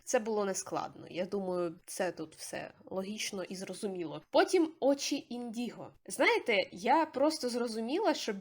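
A young woman talking casually over her drawing process, chatty and self-deprecating, her pitch jumping up now and then. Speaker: artist vlogger.

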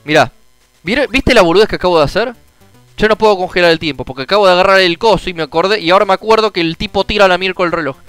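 A young man with a Rioplatense Spanish accent giving casual commentary on a retro game, frustrated, swearing often and bursting into shouts. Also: sits high, very fast, smooth, dry recording, faint music behind, rough recording. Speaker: gameplay streamer.

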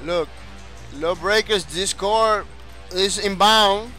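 Faint music plays behind a high-pitched man from the Dominican Republic who talks slowly in a pushed, bright voice. He's a game streamer with a Spanish accent, lively with his viewers, reading their comments aloud and frequently starting his phrases over.

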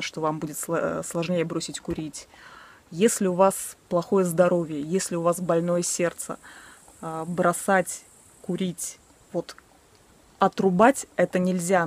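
A woman in her early forties vlogs outdoors by a wooden shed in a garden, talking casually and candidly to a selfie-stick camera held at arm's length. Her voice is fairly low, steady and moderately paced, with a few self-mocking laughs.

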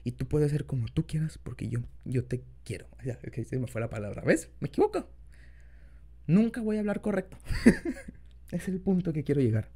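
Young Mexican man, creaky intimate ASMR chat. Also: on the high side, lively intonation, a little fast, mellow. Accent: Mexican Spanish. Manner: casual, rambling, slangy, affectionate. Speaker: ASMR boyfriend-audio creator.

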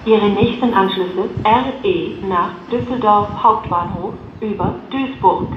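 A woman making an automated railway platform announcement over station loudspeakers, in flat, formulaic short segments. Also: medium pitch, measured pace. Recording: muffled echoey station PA, loud noise. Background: noisy station ambience.

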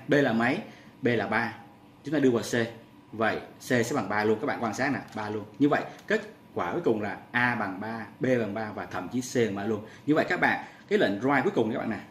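A man's voice: mid-range voice, a bit bright. A male programming teacher walks through a coding tutorial one step at a time, repeating each key press and addressing his viewers again and again. He is recorded in an echoey room with a faint hum of background noise. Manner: talks step by step, repeats key presses, often adds "các bạn ha".

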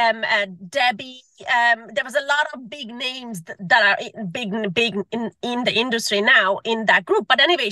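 Woman in her 40s from Hungary, guest on a video call from her car; high, bright, dry voice, rambling and chatty. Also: no room sound. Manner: chatty, many fillers and repeated words. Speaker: guest, permanent makeup artist. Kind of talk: casual video-call interview. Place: parked car. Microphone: video call from a phone.

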